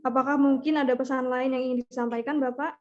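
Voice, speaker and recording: A formal, courteous secretary played by a woman answers a business call in a scripted role-play. The voice is slightly high and polite, and the sound is dull and lo-fi, as on a video call. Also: fairly even intonation, fast talker, darkish tone, close to an everyday voice. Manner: courteous, formal phone etiquette.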